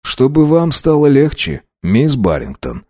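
A man's voice: mid-range voice, wildly swooping pitch, no echo, clean studio sound, pitched above the performer's own voice. Man playing a weary dying doctor. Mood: calm. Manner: slow, quiet, gently comforting. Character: weary dying male doctor, calm and kind.

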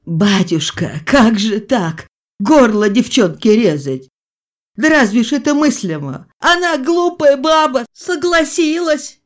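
A woman's voice: fairly high pitch, lively intonation, slow, voice pushed up. A woman voicing a stubborn old peasant grandmother who whines and protests. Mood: whining protest. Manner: whining, insistent protest.

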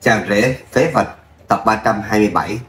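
A man narrating a serialized web novel episode in a steady storytelling voice. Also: lowish voice, normal speed, roomy sound, a little hiss or hum. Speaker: audiobook narrator.

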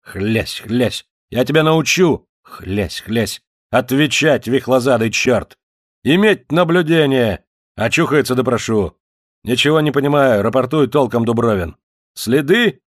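A man's voice: medium pitch, animated, moderate pace, no echo, clean studio sound, pitched above the performer's own voice, natural voice. A man voicing a bullying, suspicious Cossack officer who barks commands and interrogates in an audiobook. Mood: bellowing. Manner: barking commands, harsh and interrogating.

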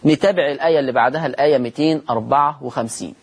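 A man with an Egyptian accent teaching a recitation lesson on television, asking questions and answering them himself and drawing out the example words slowly. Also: medium pitch, husky. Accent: Egyptian Arabic.

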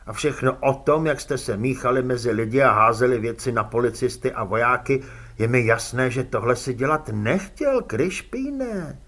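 A man reading an audiobook, voicing a calm male police commander who talks slowly with quiet, probing irony. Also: medium pitch. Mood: coaxing. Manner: slow, quietly ironic, probing.

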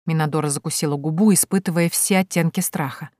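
A woman narrating an audiobook in a measured, even manner. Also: low-pitched, no room sound, clean studio sound. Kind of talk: scripted narration.

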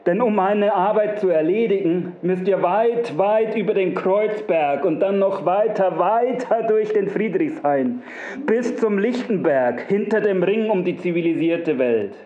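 A man's voice: sits high, dark tone, a little hiss or hum. A man voicing a sly, smug, wrinkled little male gnome in a spoken fairy tale, coaxing and long-winded, in a roomy, dull recording.

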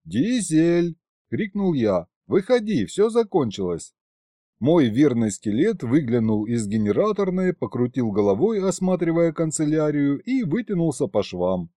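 A man reading a first-person audiobook in a lively, expressive way. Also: on the high side, normal speed, no room sound, clean studio sound. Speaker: audiobook narrator.

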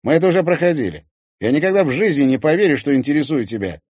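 A man's voice: a little high, sing-song, fast talker, darkish tone, no room sound, clean studio sound, pitched above the performer's own voice. A man voicing an angry, blunt teenage boy who answers curtly and with disgust, in an audiobook. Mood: indignant. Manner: curt, grumbling.

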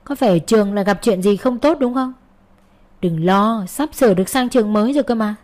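A woman's voice: mid-range voice, fairly quick, darkish tone, lightly acted. Woman voicing a coaxing, cheating husband. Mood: coaxing, secretive. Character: cheating young husband, soothing and evasive.

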